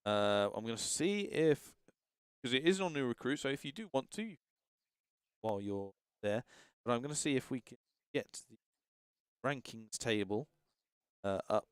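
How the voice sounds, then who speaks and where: A man with a smooth, clear voice hosts a tabletop gaming livestream in a dry-sounding space. He comments casually and haltingly, thinking out loud as he goes. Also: mid-range voice, expressive, no echo.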